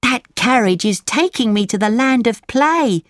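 A woman's voice: a little high, a little slow, no echo, clean studio sound, pitched above the performer's own voice. A woman voicing a boastful schoolboy who talks up a place of endless play. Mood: cheerful. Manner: lively and boastful. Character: boastful boy, eager for fun.

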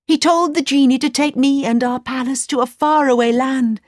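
A woman voicing a gentle, loving young princess in a storybook reading, with lively, bright speech. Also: high-pitched, moderate pace, dry recording, studio quality, pitched above the performer's own voice, close to an everyday voice. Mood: telling.

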